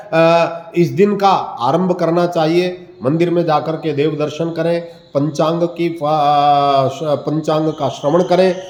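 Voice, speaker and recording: A man gives a devotional talk in a slightly high voice, telling an old story and then listing rites one after another with small pauses. The room around him rings with echo. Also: darkish tone. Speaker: religious teacher. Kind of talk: devotional discourse.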